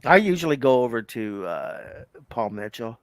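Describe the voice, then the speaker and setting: A man whose pitch swings widely as he ribs his friend in a loose chat. He laughs often and keeps the back-and-forth playful. He speaks in a casual, podcast-style way. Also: very animated, moderate pace, slight background noise. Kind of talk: casual banter.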